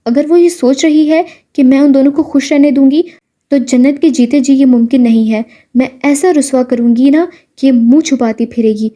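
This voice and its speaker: A woman's voice: high voice, steady tone, dark tone, close to an everyday voice. A woman voicing a bitter, jealous young woman who rants threats of revenge. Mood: bitter, vengeful. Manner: furious ranting threats.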